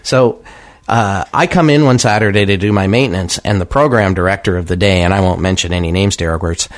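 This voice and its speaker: A man telling stories as a guest on a campus radio show, animated and quick to laugh. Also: deep voice, no room sound, clean studio sound. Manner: animated storyteller, laughs often. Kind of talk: casual radio chat, storytelling.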